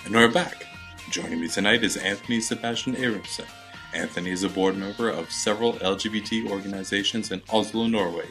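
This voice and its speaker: Podcast host, male, lowish voice, halting questions, faint music underneath. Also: fairly bright tone. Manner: halting, repeats words when starting questions. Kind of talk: casual podcast interview.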